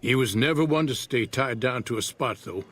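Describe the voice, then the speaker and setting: Gruff game rancher: husky, mid-pitched, middle-aged, folksy and worried. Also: male voice, expressive, brisk, a bit bright. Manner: folksy, plain-spoken. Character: gruff, worried male rancher father in a western wasteland. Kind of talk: video game character dialogue.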